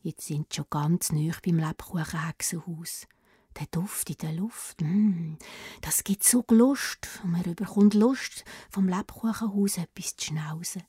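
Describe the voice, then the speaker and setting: A woman with a Swiss German accent narrating a children's fairy tale, often in a playful hush. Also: lowish voice, measured pace, husky, dry recording, studio quality. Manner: often whispered, hushed and playful. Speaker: storyteller.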